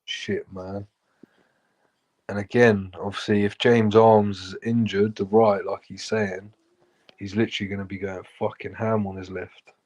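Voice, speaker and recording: A man's voice: lowish voice, level tone, a little slow, a little mellow. A man chatting casually on a podcast, laid-back and swearing freely as he predicts arm-wrestling matches. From England. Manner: laid-back, swears freely, says "you know what I mean".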